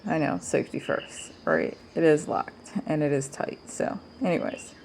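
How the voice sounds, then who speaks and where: A woman's voice: sits low, fairly even intonation, normal speed, creaky, darkish tone, a little hiss or hum. A woman giving a casual DIY demonstration to viewers, speaking informally and thinking aloud, her voice muffled by a mask over her mouth. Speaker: DIY tutorial host.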